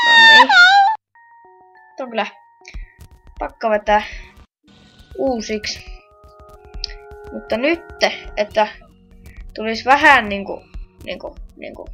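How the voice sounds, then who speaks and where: A woman giving casual let's play commentary who turns jumpy and shrieks and yells when she gets scared. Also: a little high.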